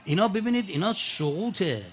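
A man's voice: high-pitched, lively intonation. An older man speaking to an audience in a colloquial storytelling manner, with mocking asides.

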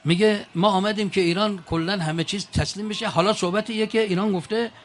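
A man's voice: sits high, steady tone. An older man speaking to an audience in a colloquial storytelling manner, with mocking asides.

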